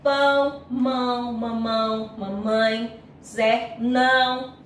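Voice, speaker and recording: A Brazilian woman teacher giving a grammar lesson, who sounds out syllables slowly and often checks in with her students. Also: high voice, a bit bright. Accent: Brazilian Portuguese. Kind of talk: recorded online grammar lesson. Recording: echoey room, voice far from mic, faint noise.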